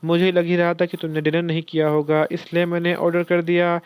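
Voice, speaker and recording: Soft-spoken, caring young boss, read by the narrator; fairly high, even voice. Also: male voice, fairly quick, clean tone, no room sound, close to an everyday voice. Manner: gentle and affectionate.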